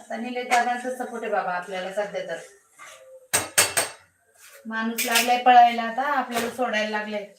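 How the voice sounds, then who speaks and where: Chatty high-voiced woman on a live stream. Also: steady tone, brisk, long pauses, distant mic. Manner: chatty, teasing, calls out to viewers by name. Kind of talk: casual live-stream chat. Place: home kitchen. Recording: echoey room, faint background noise.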